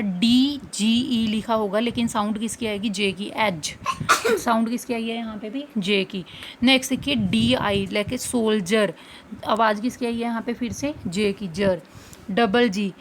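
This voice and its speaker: A woman teaching phonics in a slightly high voice. She keeps asking the class questions and answers each one herself. A faint hiss sits under the recording. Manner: asks the class questions, then answers them. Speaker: English teacher. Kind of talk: explaining phonics step by step.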